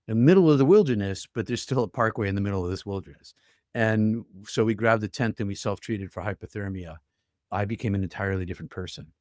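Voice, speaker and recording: A man's voice: fairly low pitch, dry recording, studio quality. An older man telling his own story in an interview, earnest and vivid, acting out the voices he heard. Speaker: guest telling his near-death story.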